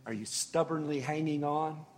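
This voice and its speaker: A man preaching a sermon as pastor, earnest and unhurried, with long pauses and words that fall away softly. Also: fairly high pitch, soft background music. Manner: slow, earnest preaching with long pauses and soft drops in volume.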